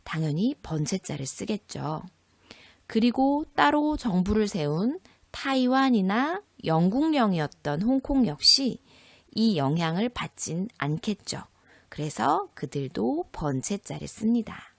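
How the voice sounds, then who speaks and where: A woman high school teacher giving a recorded textbook lesson, explaining slowly and clearly and asking her students questions. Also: sing-song, dry recording.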